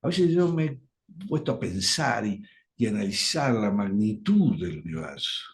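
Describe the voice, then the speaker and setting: A man teaching a radio Bible study, speaking deliberately and stressing key words. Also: lowish voice, sing-song.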